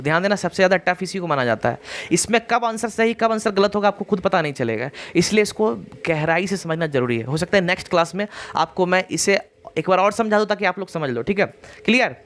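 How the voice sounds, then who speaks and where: A man with a high, fairly bright voice teaches an online exam-prep reasoning lesson. He repeats his points and checks whether students follow by asking "clear?".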